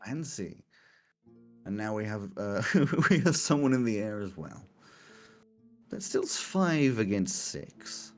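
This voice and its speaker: A man narrating a tabletop game as game master, improvising in a jokey, animated way among friends. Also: fairly low pitch, slow pace, long pauses, soft background music.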